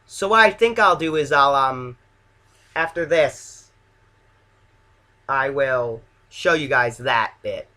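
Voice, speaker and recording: A man's voice: medium pitch, slow pace, pauses often, pushed and bright. A man giving casual, unscripted director's commentary as an amateur filmmaker, hesitant and self-deprecating.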